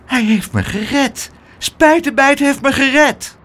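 A man doing a shrill little girl. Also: huge pitch swings, normal speed. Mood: screaming. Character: bold little girl, shrill when scared.

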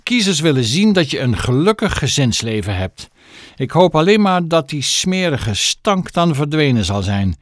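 A man voicing a stern, snobbish mother with political ambitions, shrill and scolding, for an audiobook. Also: very animated, normal speed, no echo, studio quality. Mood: bossy. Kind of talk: audiobook character voice.

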